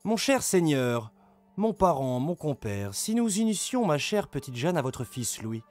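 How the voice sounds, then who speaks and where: A man voicing a scheming noblewoman in a slow, wheedling mock-sweet tone. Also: fairly high pitch, very animated, darkish tone, soft background music, voice pushed up. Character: scheming noblewoman, sugary and sly, mocked.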